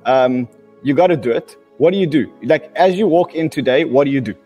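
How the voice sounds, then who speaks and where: A man's voice: mid-range voice, brisk, mellow, slightly rough, soft background music. A man asking questions conversationally as an interviewer.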